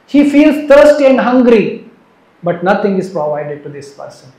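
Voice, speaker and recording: A man giving an earnest devotional sermon, moving between soft and emphatic delivery. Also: sits high, big pitch swings, normal speed. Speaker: preacher. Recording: roomy echo.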